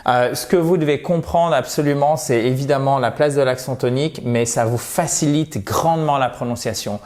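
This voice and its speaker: A man teaching English vocabulary as a lesson to camera, repeating words slowly and chatting between pronunciation drills. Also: medium pitch, darkish tone. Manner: slow, drawn-out pronunciation drills, chatty asides.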